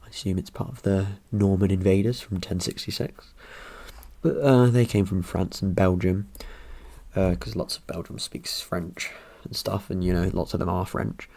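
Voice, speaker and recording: A young man talks casually through his results. His voice sits fairly low with a soft, mellow tone. He rambles, cracks dry jokes and leans on plenty of ums and uhs. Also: vocal fry, breathy edge. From Britain. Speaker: vlogger. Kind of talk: casual commentary over results.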